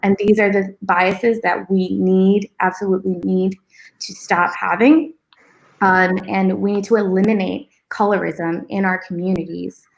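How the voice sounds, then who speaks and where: A woman's voice: medium pitch, flat delivery, unhurried, creaky, low-quality recording. A young woman on a panel making firm, emphatic points, with frequent ums. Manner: firm, emphatic, filler-heavy. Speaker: panel guest. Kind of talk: casual panel discussion.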